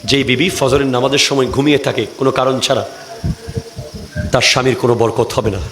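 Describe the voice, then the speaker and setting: A man preaching a sermon, fiery and forceful, swinging from loud shouts to slow low passages. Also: fairly even intonation, noisy background.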